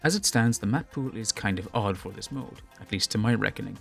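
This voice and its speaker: A man reading a scripted, measured commentary on game balance for a gaming video. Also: on the low side, creaky, fairly bright tone, soft background music. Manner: measured, explanatory.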